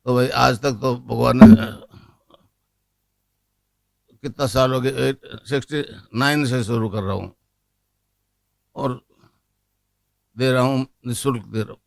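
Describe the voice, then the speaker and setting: Older gravelly-voiced guru. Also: male voice, medium pitch, steady tone, low-quality recording. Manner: unhurried, repeats a chant slowly for listeners to follow. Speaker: spiritual teacher. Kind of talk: sermon to a gathering.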